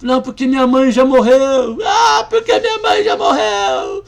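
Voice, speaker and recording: A man's voice: very high voice, very animated, unhurried, pitched above the performer's own voice, full character voice. A man voicing a grown woman who shrieks and sobs hysterically for her dead mother. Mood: wailing.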